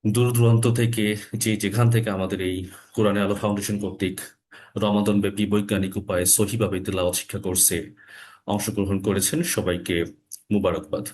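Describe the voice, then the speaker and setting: A man teaching Arabic letter pronunciation in an online lesson, slow and deliberate, repeating each sound for his learners. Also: fairly low pitch, flat delivery, darkish tone, slight background noise. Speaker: Quran recitation teacher.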